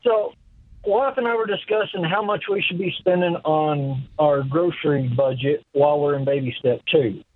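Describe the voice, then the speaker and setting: A man's voice: fairly high pitch, normal speed. Polite man over the phone. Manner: polite, hesitant, says "yes, sir". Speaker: caller. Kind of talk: casual call-in chat. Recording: tinny phone line.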